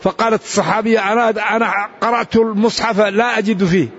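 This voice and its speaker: Guy with a high voice teaching a religious lesson, slow explaining, muffled lo-fi recording. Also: fairly even intonation, fairly bright tone, breathy edge. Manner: explanatory, unhurried, with restarts and asides. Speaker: Islamic scholar.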